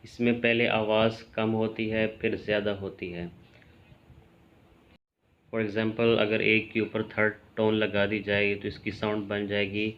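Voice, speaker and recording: A man teaching a language lesson in a calm, measured way, clearly spelling out each sound. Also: on the low side, muffled recording. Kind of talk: slow explanatory lesson.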